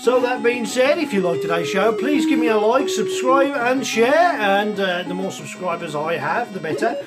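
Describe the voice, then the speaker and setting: Over chiptune music playing from a computer, the croaky, high-voiced host of a retro computer show rambles casually through a review. He's expressive and talks at a normal speed, chatty and meandering, full of ums and asides. He's in his home hobby room, surrounded by computers and a soldering bench.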